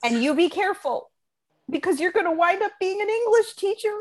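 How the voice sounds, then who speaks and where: A woman playing a weary, bitter English teacher in a comedy radio play, halting and defensive. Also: very high-pitched, animated. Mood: warning. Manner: halting, throat-clearing, earnest warnings.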